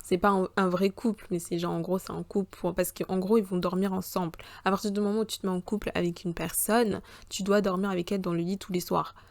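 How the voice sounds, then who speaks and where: A woman's voice: fairly low pitch, little pitch movement, fast, hardly any pauses, darkish tone, dry recording. A woman in her twenties from the Republic of the Congo and the Central African Republic, hosting a casual solo podcast in a chatty, slangy way. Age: 20s. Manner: chatty, slangy, swearing on her mother, switching into voices. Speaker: podcast host.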